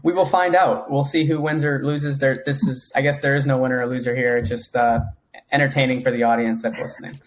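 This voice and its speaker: A man with a Boston accent hosts a podcast interview, sounding upbeat and informal. His questions wander, with hedges and fillers along the way. His voice sits at an ordinary middle pitch. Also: flat delivery, quick pace. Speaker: podcast host.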